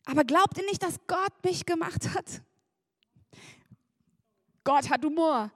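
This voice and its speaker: High-voiced woman preaching, dry sound. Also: slow pace, no echo. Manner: lively and chatty, laughs and addresses the congregation directly. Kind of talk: sermon.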